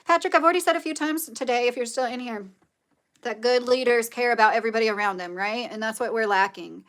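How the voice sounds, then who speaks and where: Her voice is nasal, fairly high and a bit bright, and she talks fast. She's a woman from Kentucky, United States, hosting a casual livestream chat where she reads viewer comments and rambles opinionatedly, saying "like" and "you know" a lot.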